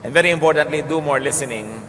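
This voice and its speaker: A man with a Filipino accent giving a calm teaching sermon, moving between Tagalog and English. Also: fairly high pitch, fast talker. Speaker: preacher. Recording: long hall reverb with faint noise.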